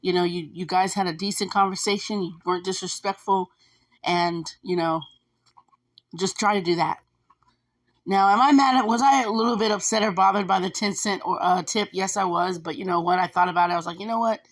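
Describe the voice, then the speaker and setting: Talking a little fast in a fairly low voice, this gig delivery driver chats casually with viewers, giving advice. She repeats herself often and fills her speech with fillers.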